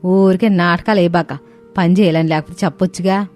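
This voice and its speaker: Woman playing a scolding, sharp-tongued mother-in-law. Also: on the low side, fairly even intonation, fairly quick, soft background music, lightly acted. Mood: dismissive. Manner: scolding and dismissive.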